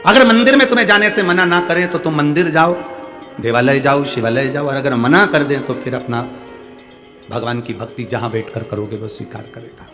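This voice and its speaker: Speaking a little fast in a mid-range voice, a man from central India preaches a devotional sermon into a stage mic before a live crowd at a large outdoor stadium, with music playing behind him. He responds to listeners' letters using homely examples and urges the crowd to call back.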